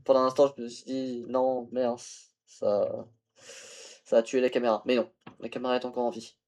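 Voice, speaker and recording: A man's voice: mid-range voice, flat delivery, moderate pace, a little mellow. A tired young man streaming a game, rambling casually to his viewers with lots of fillers. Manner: rambling, tired, self-talk with fillers and laughs. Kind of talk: casual gaming livestream chat. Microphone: phone used as camera.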